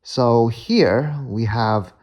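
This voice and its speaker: A man vlogging about learning languages, explaining words in a tentative, thinking-aloud way and slowing down to sound out foreign terms. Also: medium pitch, a little mellow. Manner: musing and tentative, many ums and hedges.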